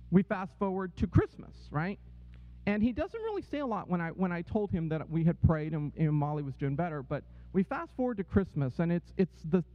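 A man speaking to a congregation, telling a personal story and checking in with "right?" and "okay?". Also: high voice. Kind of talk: testimony talk to a congregation. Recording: dull, echoey hall sound.

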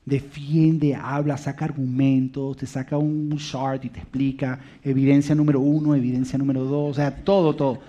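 A man in his thirties or forties preaching a sermon, telling family stories in an animated way and dropping to a soft, quiet voice to stress a point. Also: mid-range voice, normal speed, few pauses. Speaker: pastor. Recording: dull lo-fi recording.

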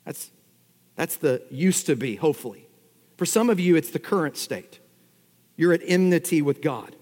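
In a church sanctuary with long hall reverb, a male pastor preaches an expository sermon, teaching verse by verse and firing rhetorical questions at his congregation. His voice is on the high side with a darkish tone, animated, at a normal speed.

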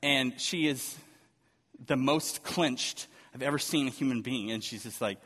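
A man in his thirties telling a personal story to an audience, animated and self-deprecating. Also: medium pitch, unhurried, breathy edge, big-room sound.

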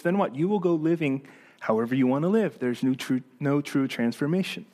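A male pastor preaching a sermon in an animated, emphatic way, acting out the voices of the people he quotes. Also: on the high side.

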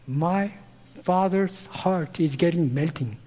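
In a spacious-sounding room, a man with a higher voice shares personal stories as a missionary guest in an interview. His English is broken and Korean-accented, his delivery slow and sincere, and he turns loud once animated.

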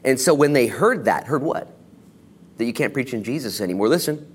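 An American man preaching an informal sermon as a pastor, exhorting in casual, slangy language and shifting between hushed and emphatic delivery. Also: mid-range voice, expressive, a little fast, slightly rough. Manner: casual, colloquial, exhorting, with slangy asides and acted-out quotes.

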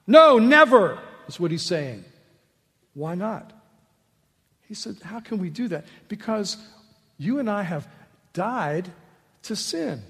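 A male pastor delivers a sermon in a high, bright voice. He is emphatic, punching rhetorical questions loud and then dropping to quiet asides. A long hall reverb trails behind every line.

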